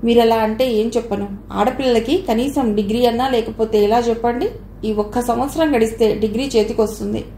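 A polite, earnest brother-in-law who persuades gently and courteously, as a woman reader voices him. The tone is mellow, and the room is echoey. It comes from a storybook reading. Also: on the high side, fairly even intonation, brisk, lightly acted. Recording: echoey room, faint background noise.

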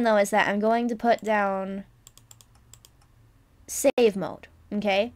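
A young adult woman hosting a casual game tutorial, chatty and rambling, often correcting herself and teasing her viewers. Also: mid-range voice. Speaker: channel host.

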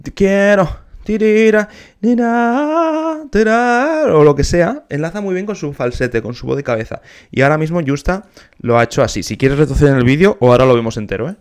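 A man's voice: medium pitch, animated, fast talker, darkish tone. Eager man reacting to a clip. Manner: enthusiastic, sings short snatches to demonstrate. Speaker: musician reacting to videos. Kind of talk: casual reaction commentary.

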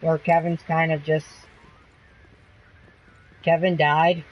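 Man, high voice, swearing, frustrated gamer, headset chat. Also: level tone, slow, highs cut off. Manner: profane, frustrated ranting. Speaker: gamer streaming co-op play. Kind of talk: casual gaming chat.

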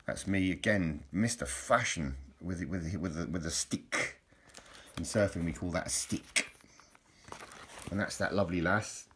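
A man's voice: low-pitched, measured pace, fairly bright tone, a little hiss or hum. A middle-aged man, casually reminiscing over old photos in a rambling way, often repeating his words. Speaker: vlogger.

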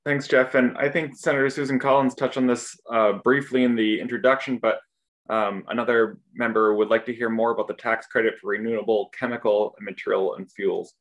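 A man moderating a webinar panel, smoothly reading out a guest's introduction. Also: mid-range voice, level tone, brisk.

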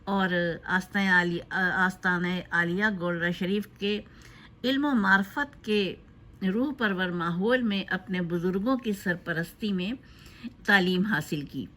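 A woman's voice: mid-range voice, a bit bright. Hesitant woman narrating a tribute. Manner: hesitant, with frequent filler pauses. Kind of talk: unscripted spoken tribute talk.

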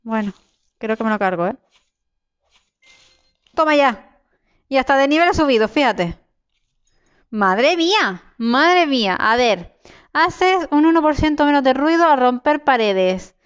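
A woman's voice: high voice, animated, moderate pace, clean tone, no echo, dull audio. A young woman with a Spain Spanish accent giving casual gameplay commentary, chatting to herself and her viewers, with sudden shrieks and swearing. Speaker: gameplay streamer.

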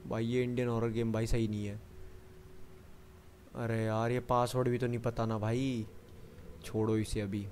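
A man's voice: mid-range voice, level tone, moderate pace, pauses often, a little mellow, a little hiss or hum. Jumpy man narrating a horror game. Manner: chatty, keeps talking to himself and the viewer; jumpy, panicky bursts when the enemy appears. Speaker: gamer. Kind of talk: horror gameplay commentary.

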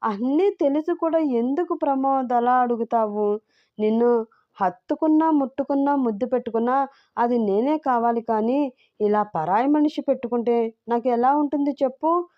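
A woman's voice: on the high side, normal speed, no room sound, highs cut off, voice pushed up, close to an everyday voice. A woman voicing a naive, clingy young woman who pleads and whines tearfully in a storybook reading. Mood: tearful, pleading.

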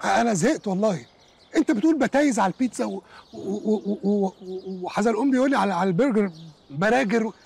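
Touchy Egyptian sitcom guy who drops English words, pitched high and quick. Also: creaky, darkish tone, breathy edge, exaggerated voice. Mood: indignant. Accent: Egyptian Arabic. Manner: indignant, whiny, takes offense easily. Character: fussy, touchy man who sprinkles English words into his talk. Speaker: sitcom character. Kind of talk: TV sitcom acting.

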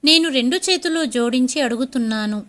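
A woman's voice: sits high, animated, brisk, a bit bright. A woman voicing a stern but caring older father in a storybook reading.

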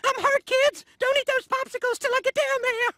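A man voicing a frail, creepy old man in an animated comedy, with a thin, breathy voice. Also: very high voice, a little slow, a little hiss or hum, full character voice. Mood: panicked, alarmed.

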